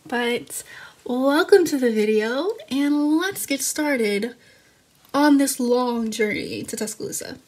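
A woman's voice: high-pitched, takes it slowly, darkish tone. A young woman, chatting casually and upbeat into her phone camera at home and in her car, with frequent fillers. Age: early 20s. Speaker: vlogger. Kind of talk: casual vlog chat. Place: home bedroom, apartment and parked car. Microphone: phone camera held at arm's length.

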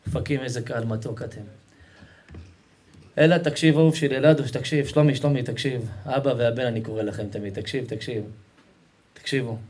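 A male rabbi with a medium-pitched, slightly mellow voice preaches a Torah lesson before a live audience. He is emphatic and repetitive, colloquial and affectionate with the crowd, and keeps calling on them to listen.

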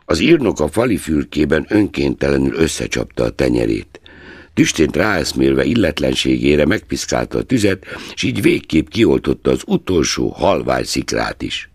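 Deep-voiced theatrical male storyteller. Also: breathy edge, dry recording, clean studio sound. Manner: expressive, theatrical reading. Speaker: narrator. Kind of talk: scripted story narration.

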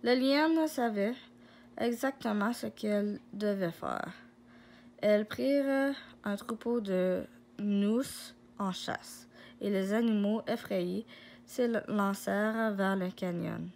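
A woman reading a children's story aloud, slow, with frequent slips and restarts. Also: medium pitch, vocal fry, darkish tone, a little hiss or hum.

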